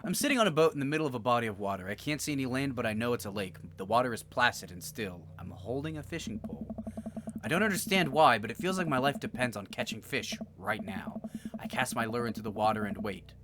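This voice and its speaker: Deadpan man reading game text. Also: mid-range voice, fast talker, noisy background. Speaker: let's play co-host reading game text aloud. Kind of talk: dry read-aloud narration of a visual novel.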